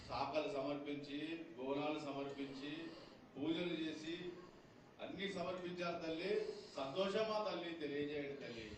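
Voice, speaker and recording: A man addressing an oracle in a reverent ritual petition. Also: fairly high pitch. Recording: very echoey, distant, noisy ambience.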